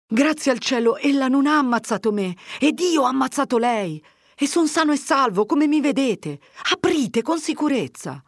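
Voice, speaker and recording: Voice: mid-range voice, expressive, slow, no room sound, studio quality, pitched above the performer's own voice. A reader voicing a resolute, earnest young man speaking firmly to an old priest and a mother. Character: determined young man returning home.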